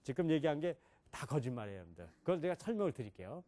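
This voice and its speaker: Middle-aged guy teaching a class, voice bouncing up and down a lot, pitch a bit high, keeps quizzing the room. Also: very fast. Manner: animated, questions the audience and demonstrates sounds. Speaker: English pronunciation lecturer. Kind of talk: classroom lecture.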